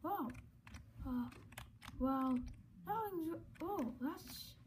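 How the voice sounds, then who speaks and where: A woman's voice: high voice, lively intonation, drawn-out words, slight background noise. A woman playing through a game and commenting playfully, reading on-screen lines in dramatic voices. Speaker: gamer.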